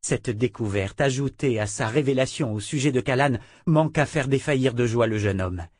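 A man narrating a fantasy novel in a steady, even storytelling manner. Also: mid-range voice, normal speed, no room sound. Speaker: audiobook narrator. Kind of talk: scripted narration. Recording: dry close recording.

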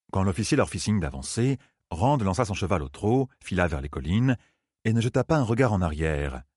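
A man narrating a fantasy audiobook in an expressive storytelling manner. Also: low voice, slightly rough, no echo, studio quality.

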